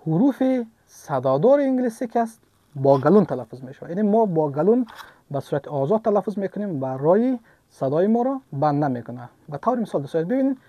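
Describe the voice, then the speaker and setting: A man gives an English lesson, his pitch swinging widely as he talks. His tone is mellow, and the sound is dry and close. He repeats example words several times and answers his own questions. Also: very animated, no room sound, highs cut off. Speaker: English teacher. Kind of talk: online language lesson.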